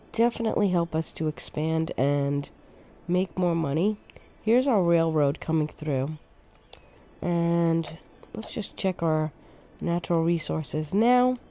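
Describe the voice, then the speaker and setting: A woman streaming a city-building game, casually thinking aloud as she plays and sounding a little sleepy. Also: lowish voice. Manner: relaxed, thinking aloud, unhurried. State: sleepy, yawning. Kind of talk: casual gameplay commentary.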